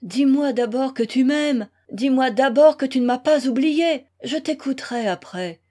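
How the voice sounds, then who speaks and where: Woman reading a heartbroken young guy begging his love, slow and pained, voice sits a bit high. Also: a little mellow, lightly acted. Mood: anguished. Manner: passionate, anguished pleading. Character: desperate young man pleading with his beloved.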